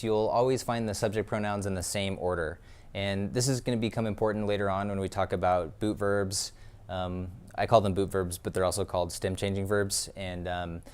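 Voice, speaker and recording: Male Spanish teacher, lowish smooth voice, patient classroom delivery with frequent fillers. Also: darkish tone. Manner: explains patiently, many ums and uhs. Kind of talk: classroom lesson.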